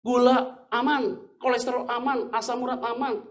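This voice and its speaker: A man's voice: very high-pitched, fairly even intonation, moderate pace. A middle-aged man preaching a sermon as pastor, telling stories in a casual, slangy way and laughing often.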